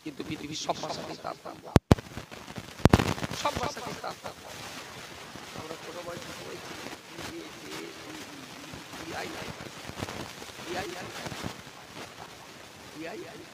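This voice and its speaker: Preacher, man, lecturing sermon, spells words out and quizzes listeners; loud noisy recording. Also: fairly high pitch, big pitch swings, slow, gravelly, pauses often. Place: outdoor religious gathering. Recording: loud background noise.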